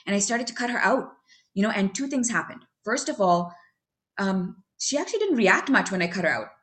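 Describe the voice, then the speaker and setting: Woman, recovery meeting share, chatty and candid, self-mocking, filler-heavy, mid-pitched voice. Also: lively intonation, brisk, a bit bright. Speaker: member sharing at a recovery meeting. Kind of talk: personal recovery testimony.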